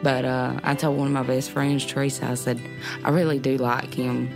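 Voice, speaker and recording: Woman in her forties, low gravelly voice, chatty storyteller, music bed behind. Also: little pitch movement, moderate pace. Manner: laughing, talkative. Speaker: interviewee, wife. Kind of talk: casual storytelling. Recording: music underneath.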